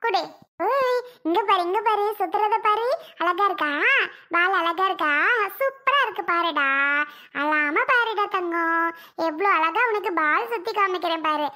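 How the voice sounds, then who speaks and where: A weary young mother in a cartoon frets over a crying baby and soothes him gently. The voice sits very high and bright, worn down by sleepless nights. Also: a little slow, heavily acted. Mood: soothing. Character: tired young mother, worried about her crying baby. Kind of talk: cartoon voice acting.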